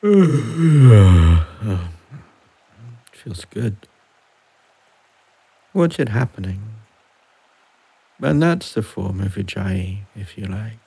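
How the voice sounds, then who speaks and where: A man guiding a relaxation and breathing meditation, speaking softly and unhurriedly with long pauses between phrases. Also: fairly low pitch, animated, vocal fry, husky. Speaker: meditation guide. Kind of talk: guided relaxation.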